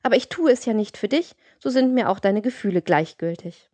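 A woman's voice: mid-range voice, animated, a little fast, a little mellow, dry recording, close to an everyday voice. A woman voicing a scheming, greedy procuress with a boastful, coaxing manner in an audiobook reading. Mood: cold.

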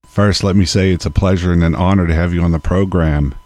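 A male podcast host who announces tracks and asks questions in a measured, polite way. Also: low voice, steady tone, darkish tone, no room sound. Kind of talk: radio-style interview hosting.

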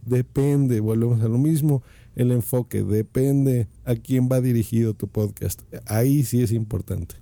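A man's voice: medium pitch, unhurried, gravelly, warm tone, dry recording. A Mexican man giving casual podcasting advice, talking into his phone and asking the listener rhetorical questions. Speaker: podcast host.

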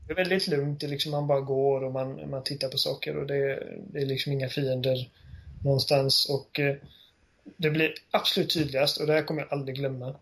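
Guy gushing about a game scene, kinda husky, lots of umms. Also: medium pitch, little pitch movement. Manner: enthusiastic, retells scenes with many fillers. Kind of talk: casual game discussion.

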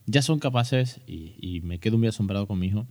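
A man's voice: on the low side, animated, a little fast, darkish tone. Chatty joking man with Spain accent. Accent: Spain Spanish. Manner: chatty and joking, with many fillers and restarts. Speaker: podcast host. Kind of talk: casual educational podcast talk.

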